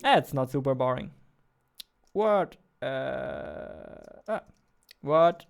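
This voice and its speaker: Sitting at a desk at home, a young man streams his game development work, thinking aloud, poking fun at himself and chuckling as he codes. His medium-pitched voice is creaky yet clean, with lively intonation and an extremely slow pace.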